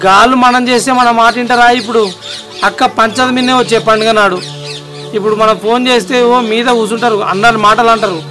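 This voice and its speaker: An actor with a Telangana Telugu accent playing an impatient young village son who argues back in a brisk, exasperated way. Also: male voice, extremely high pitch, steady tone. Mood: dismissive. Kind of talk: family drama acting. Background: background music.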